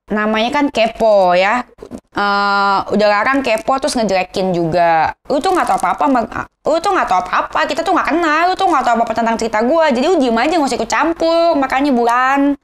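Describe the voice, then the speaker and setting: High-voiced Jakarta woman with lisped r's. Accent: Jakarta Indonesian. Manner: rambling, repeats and trips over words. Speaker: vlogger. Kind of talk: casual gossip rant to viewers.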